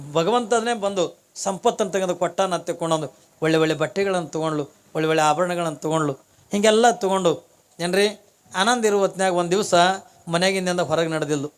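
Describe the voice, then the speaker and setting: A man preaching a storytelling sermon, acting out the story's characters and repeating phrases for emphasis. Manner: voices the story's characters, rising to high-pitched loud exclamations. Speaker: religious preacher.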